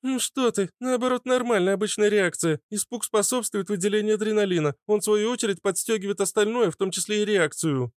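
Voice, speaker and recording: A man's voice: sits high, fairly quick, dry recording, studio quality, voice pushed up, lightly acted. A man voicing a talkative young woman who explains things and scorns a local leader, in an audiobook reading. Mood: chatty.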